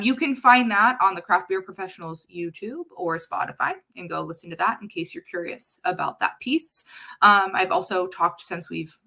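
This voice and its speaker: A woman in her thirties from the US West Coast, an HR consultant giving a casual, chatty webinar with a sarcastic streak. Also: medium pitch. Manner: chatty and sarcastic, lively swings in loudness.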